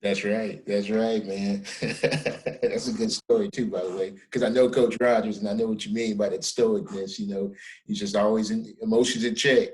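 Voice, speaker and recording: Low-voiced emphatic middle-aged man. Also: flat delivery, normal speed, darkish tone, low-quality recording. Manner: emphatic, peppers speech with "man". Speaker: podcast host. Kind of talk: casual interview chat.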